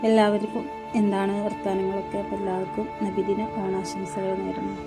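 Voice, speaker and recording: A woman speaks in a mid-pitched, everyday voice, chatting casually to her home vlog audience. She gently coaxes and soothes her children, and music plays clearly behind her. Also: completely flat delivery, a little fast. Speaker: family vlogger and mother. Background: background music.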